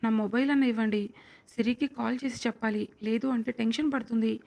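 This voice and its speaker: A timid young woman, frightened and pleading, as a narrator reads her, soft and anxious. The voice sits slightly high and moves little in pitch. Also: steady tone, fast talker, gravelly. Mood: fearful. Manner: soft, fearful.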